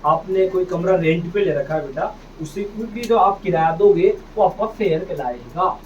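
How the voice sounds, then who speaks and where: A man's voice: high voice, animated, normal speed, a little mellow. Man teaching a class, repeats words and quizzes students, recorded from a distance, dull sound, faint noise. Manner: drills words by repeating them and asking the class; calls students "beta". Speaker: English teacher. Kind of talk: classroom phonics lesson.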